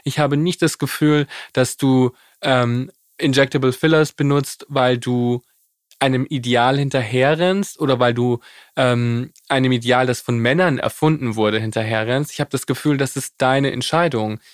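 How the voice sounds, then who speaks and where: Man, interviewer, mid pitch, calm, long questions, dry recording. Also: moderate pace, no echo. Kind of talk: conversational interview.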